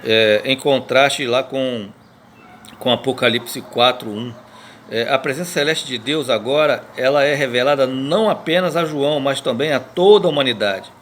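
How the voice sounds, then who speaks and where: Man, pastor, Brazilian Portuguese accent, Bible reading commentary, halting with fillers and tag questions, faint noise behind. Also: mid-range voice, fairly bright tone.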